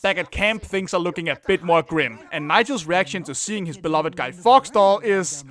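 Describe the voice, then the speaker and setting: A man hosting a comedic retro game review, cracking jokes and breaking into exaggerated mock panic. His voice is high and bright, and his delivery stays energetic throughout. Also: normal speed, faint music behind. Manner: jokey, with exaggerated outbursts.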